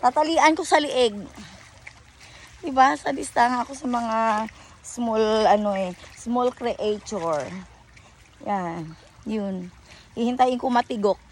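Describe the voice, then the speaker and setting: A woman's voice: on the high side, slow, pauses often, darkish tone, slight background noise. A woman with a Filipino accent vlogging outdoors by a river, rambling in a chatty, casual way with many fillers and self-corrections. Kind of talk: casual chat mixing English and Tagalog.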